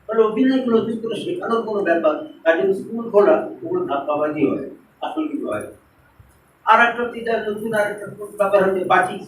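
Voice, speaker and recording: Man, Bengali accent, high voice, seminar speaker, distant mic, faint noise. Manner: engages the audience with hands-on exercises. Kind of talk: seminar talk to an audience. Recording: roomy echo from far off.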